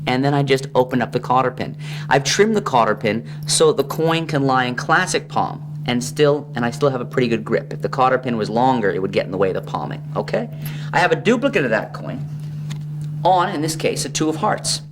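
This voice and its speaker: A man with a mid-range voice delivers card magician patter. He teaches a trick conversationally, talking through each move as he shows it and often breaking off phrases. The recording has clear background noise with a hum. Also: mid-range voice, lively intonation, brisk. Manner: conversational, demonstrating as he talks, broken-off phrases. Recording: clearly noisy, humming background.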